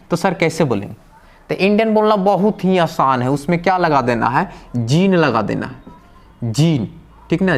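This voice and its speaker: A man with a fairly high voice teaches beginners in a classroom-style lesson. He asks a question, pauses, and answers it himself over and over. His explanations are patient and go one step at a time. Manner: drills with repeated questions and answers. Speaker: language teacher.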